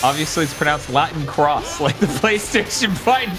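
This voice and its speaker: A man's voice: fairly high pitch, expressive, normal speed, music in the background, low-quality recording. A man bantering casually as a game streamer, joking and swearing freely.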